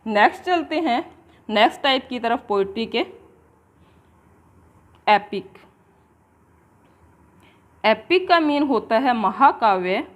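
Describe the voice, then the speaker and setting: A woman teacher, giving an exam-prep lecture and slowly dictating definitions, then explaining them in Hindi. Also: fairly high pitch, lively intonation.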